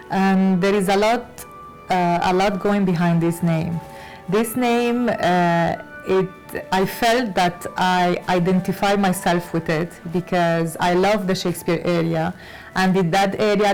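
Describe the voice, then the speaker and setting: A woman fashion designer from Lebanon, raised in Latin America, answering interview questions with many pauses and fillers. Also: fairly low pitch, darkish tone, rough recording. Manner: hesitant, many fillers and restarts. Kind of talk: conversational interview.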